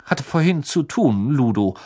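A man's voice: mid-range voice, sing-song, unhurried, warm tone. A man voicing a stiff older ministry official who speaks in tense, clipped bursts. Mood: strained.

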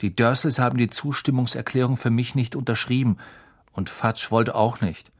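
A man's voice: medium pitch, fairly even intonation, normal speed, natural voice. A man voicing a glum teenage boy who grumbles and sounds bitter.

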